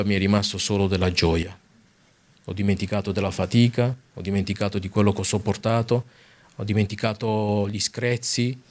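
A man preaching a sermon in an earnest manner, reading scripture aloud and speaking directly to his congregation, stretching out key words for emphasis. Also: on the low side.

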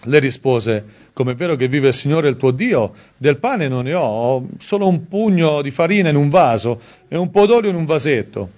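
A man preaching a sermon in a conversational way, reading scripture aloud and stressing key words with sudden high emphasis. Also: expressive, moderate pace, hardly any pauses, a little mellow.

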